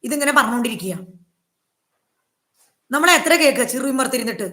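A woman YouTuber talks to her viewers in a personal vlog monologue, her slightly high voice animated, pushed and bright as she races along. Aggrieved and emphatic, she keeps repeating her points in a room full of echo.

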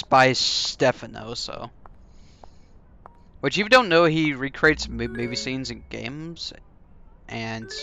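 Young man, gravelly, lively game commentary. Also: mid-range voice. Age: young adult. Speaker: gaming YouTuber. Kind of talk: casual let's play commentary. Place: indoors, seated at a gaming setup. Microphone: headset. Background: faint game music.

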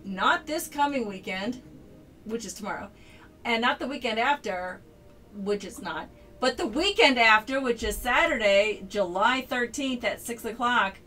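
A woman's voice: fairly high pitch, animated, a little slow, sharp tone, soft background music, rough recording. A woman hosting a casual livestream, chatting in an upbeat, rambling way. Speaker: streamer and game designer host.

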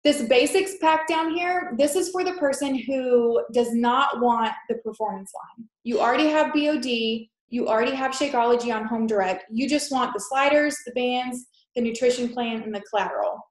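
Speaking at normal speed in a voice on the high side, a young woman with a stuffy nose from a head cold runs a fitness webinar, a casual sales pitch that's chatty, reassuring and heavy on fillers. Sound comes through a laptop mic on a video call from an echoey room.

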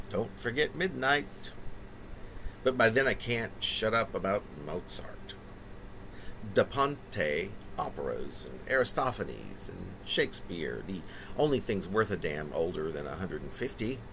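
A poet in his fifties reads his own poem in a low voice, theatrical and animated, breaking it into halting phrases and dropping in conversational asides. The low-quality webcam recording was made in a small indoor room, with a little background noise.

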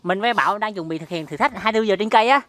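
A young man hosting a comedy vlog, who talks in a gentle, reassuring and casual way. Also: sits high, rapid-fire, dry recording. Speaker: vlogger host.

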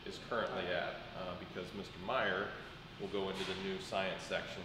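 A low, level-voiced man in his thirties explains building work slowly, with lots of "uh"s. He sounds far from the camera mic in a stripped, echoing room. A steady hum of background noise runs under him. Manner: explanatory, steady, frequent fillers, gestures while talking. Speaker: school administrator. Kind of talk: on-site walkthrough explanation. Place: large empty classroom under construction, indoors. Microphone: camera mic from a distance.

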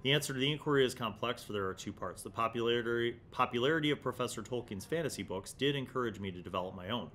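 Talking quickly with hardly any pauses, this middle-aged host reads from an article and muses on it in a casual, conversational review for a gaming magazine series. His mid-range voice sounds a bit bright through the condenser mic on his desk, and slight background noise fills the small shelved studio.

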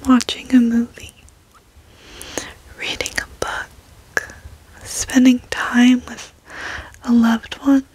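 A young adult woman gives a reassuring ASMR pep talk in a soft, breathy whisper, close to a desk microphone in a bedroom. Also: fairly high pitch, little pitch movement, poor audio. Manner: slow, reassuring, gentle encouragement. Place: bedroom, indoors.

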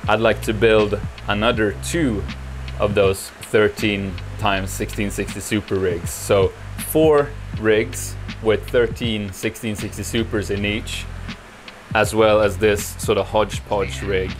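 A man's voice: lowish voice, measured pace, faint music behind. A young man in his twenties casually talking through his home workshop setup, rambling with lots of filler words. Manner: relaxed, rambling, frequent "like" fillers. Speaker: YouTuber giving a mining farm tour. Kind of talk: casual vlog walkthrough. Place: cluttered home workshop, indoors. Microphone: camera held at arm's length.

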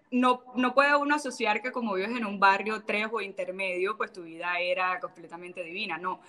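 A woman's voice: medium pitch, fairly bright tone. A woman from Cartagena with a Colombian Caribbean coast accent, talking bluntly and with sass as an interview guest. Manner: sassy, blunt, quick to mimic others. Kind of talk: casual interview chat.

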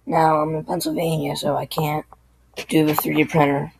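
A sick, hoarse tech tutorial host talking through a screen recording in a halting, apologetic way. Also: medium pitch, level tone, noisy background. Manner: halting, apologetic, loses train of thought.

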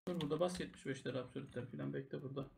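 A man calling the shots in gaming voice chat, barking rapid repeated commands and swearing freely. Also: medium pitch, vocal fry, darkish tone, slight background noise. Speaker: clan war shot caller.

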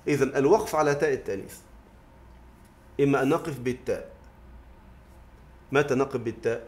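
A man's voice: mid-range voice, fast. Man teaching grammar. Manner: asks the class questions then answers them. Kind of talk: classroom lesson explaining verse. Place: mosque study circle.

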